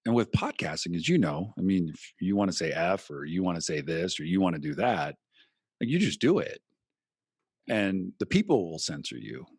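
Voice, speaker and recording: A man's voice: deep voice, moderate pace, husky, no echo, studio quality. A man, a former radio host, talking casually and animatedly as a podcast guest. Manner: animated, talks in long stretches, acts out quotes. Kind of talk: casual interview chat.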